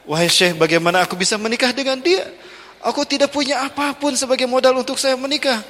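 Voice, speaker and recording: A man's voice: very high-pitched, fast talker, pushed and bright, in a large hall, pitched above the performer's own voice. A man voicing a poor, hungry young mosque servant who talks in a pleading, near-tearful way.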